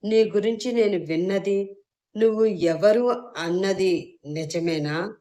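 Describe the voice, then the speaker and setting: A woman voicing a furious young man who shouts stern demands in an audio story. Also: medium pitch, slow pace, lightly acted. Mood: angry.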